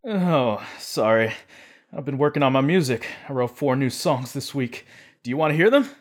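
A man's voice: medium pitch, expressive, normal speed, natural voice. A man voicing a drowsy, dazed young stoner artist in an audiobook. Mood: spacey. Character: stoned young male artist, slow and spacey. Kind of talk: audiobook character voice.

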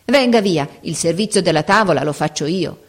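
A woman's voice: on the low side, expressive, brisk, slightly rough. A woman reading aloud, voicing a curt, imperious female household servant who scolds and hurries a girl along. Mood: bossy.

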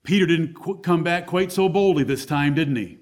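A man's voice: on the high side, normal speed. A man preaching a sermon as pastor at a pulpit microphone, emphatic and blunt.

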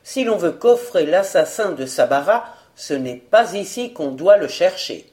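A woman's voice: on the low side, expressive, measured pace, a little mellow. A woman voicing a male night guard speaking in a matter-of-fact, assured way.

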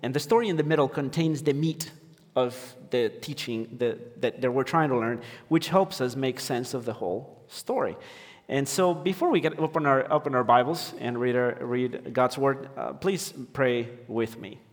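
Pastor from Ecuador in a reverberant hall. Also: male voice, medium pitch, moderate pace. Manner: hesitant, many fillers and restarts. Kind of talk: sermon. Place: church sanctuary.

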